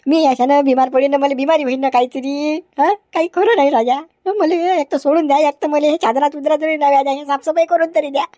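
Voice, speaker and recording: A whiny jailed villager, played by a woman with a Varhadi Marathi accent, pleading and grumbling in a village comedy sketch. The voice sits high and the talk runs quick, with a nagging "हं?" tagged onto line after line. The sound is close and dry. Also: steady tone, warm tone, no echo, close to an everyday voice. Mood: whining. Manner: whiny complaining pleas with repeated "हं?".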